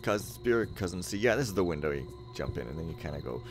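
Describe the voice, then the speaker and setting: A man's voice: sits low, expressive, fast talker. A man giving casual, sardonic, rambling commentary as he plays through a video game. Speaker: let's play host. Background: video game sound and music.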